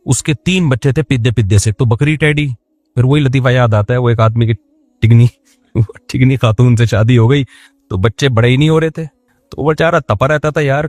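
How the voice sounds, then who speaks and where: A man preaches in a loose, conversational way, with jokes and asides to his listeners. His voice sits at an ordinary middle pitch. The sound is dry and close, with hardly any room around it. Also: a little mellow, no room sound. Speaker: Islamic preacher. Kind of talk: sermon.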